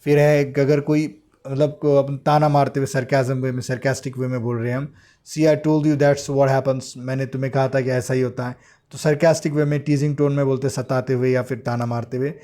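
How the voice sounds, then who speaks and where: A man with an Indian accent teaching English usage to exam aspirants in a relaxed, mellow voice. He reads each example sentence slowly and deliberately, then switches to quicker Hindi to explain it. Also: mid-range voice. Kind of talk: bilingual lesson explaining English phrases.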